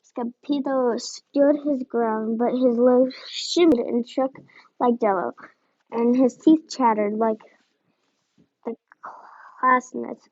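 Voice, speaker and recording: A woman reading a picture book aloud, slowly sounding out the harder names. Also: on the high side, fairly even intonation, a little mellow, no echo, lo-fi sound. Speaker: storybook reader.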